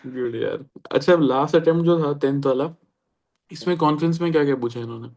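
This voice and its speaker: Male host, slightly raised pitch, casual, teasing questions. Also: fast talker, darkish tone. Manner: casual, teasing, prods for the real story.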